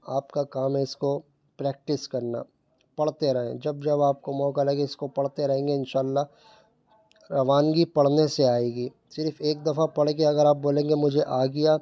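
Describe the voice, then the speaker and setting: A man teaching Quran reading, switching between quick explanations and slow, carefully spaced syllable drills. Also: mid-range voice, flat delivery, dry recording, highs cut off. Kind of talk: step-by-step recitation lesson.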